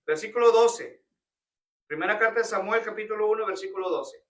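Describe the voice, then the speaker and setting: A man's voice: high voice, fairly quick. A man leading a church Bible study, asking the congregation questions and calling them "brothers" often. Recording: roomy church hall, picked up from a distance.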